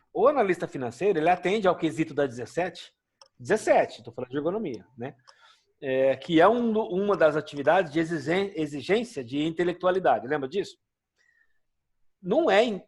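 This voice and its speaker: A man with a Brazilian Portuguese accent teaches a class in a chatty, questioning way. His fairly high voice rises and falls a lot as he explains. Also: darkish tone, breathy edge. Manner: conversational, asks students questions. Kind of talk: classroom lecture.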